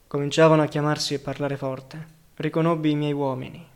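A man reading a novel aloud as an audiobook narrator, calm, measured and quiet. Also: fairly high pitch, smooth.

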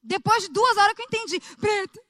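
A woman's voice: very high voice, fast, no room sound, clean studio sound. A woman telling an emotional prayer testimony as a sermon, speaking straight to her listeners. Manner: emotional, animated storytelling, addresses audience as gente. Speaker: preacher.

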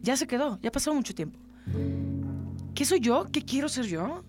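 This middle-aged podcast co-host and interviewee has a high voice and speaks at a moderate pace. Earnest and animated, she shares a personal story and acts out the lines other people said. Background music is audible.

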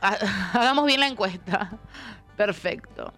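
A woman with an Argentine accent co-hosting a casual comedic radio chat, blunt, swearing freely, quick retorts. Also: medium pitch, pushed and bright, faint music behind. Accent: Argentine Spanish. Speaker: radio show co-host.

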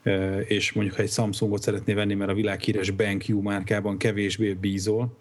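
Male podcast host, casual rambling talk, slightly low voice. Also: little pitch movement. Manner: rambling, searching for words with fillers. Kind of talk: casual chat.

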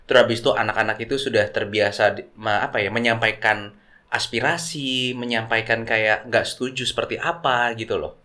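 A man's voice: on the low side, fairly even intonation, brisk, sharp tone. A man hosting a podcast as a casual interview chat, with slangy, teasing banter. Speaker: podcast host.

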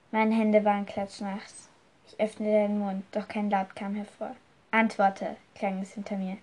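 A woman reads a first-person fantasy story aloud at a slow, deliberate pace. Her voice sits at a middle pitch, steady and measured. The delivery is scripted storytelling. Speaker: audiobook reader.

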